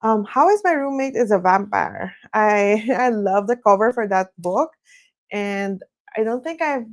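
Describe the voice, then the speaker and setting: A woman hosts a livestreamed reading-sprint session, chatting in a relaxed, easygoing way and reading viewer comments aloud. Her mid-range voice moves a little slowly and now and then turns sing-songy, and the recording is dry.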